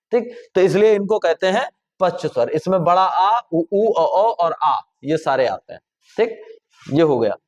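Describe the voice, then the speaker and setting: A man teaching a grammar lesson, explaining step by step in a conversational way and asking listeners to try the sounds aloud. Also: high voice. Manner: conversational, repeats and checks with "ठीक". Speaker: Hindi teacher.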